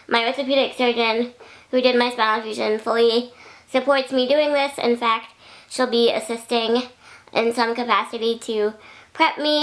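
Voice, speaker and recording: A woman's voice: on the high side, a bit bright. A young adult woman vlogging casually, chatty and rambling, often losing her thread and backtracking. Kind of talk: casual vlog talking to camera.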